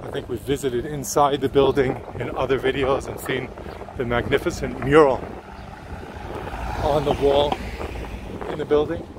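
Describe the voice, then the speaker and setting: A male tour guide narrates while walking, his voice at an everyday middle pitch. He explains the sights in an unhurried way. Street and tram noise is clearly audible behind him. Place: city street outdoors. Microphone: handheld camera while walking.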